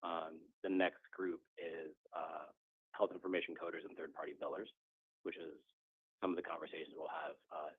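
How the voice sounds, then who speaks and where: A man's voice: a bass voice, moderate pace, slightly rough. A man presenting a staffing report at a committee meeting, talking steadily with some fillers. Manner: jokey, then steady with fillers. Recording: tinny phone-like line.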